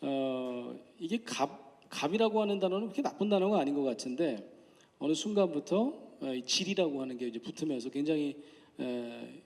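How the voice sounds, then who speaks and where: A man's voice: a little high, lively intonation, normal speed, darkish tone. Male professor lecturing in a reverberant hall. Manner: conversational, asks the audience questions; acts out quoted voices in anecdotes. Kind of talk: public lecture.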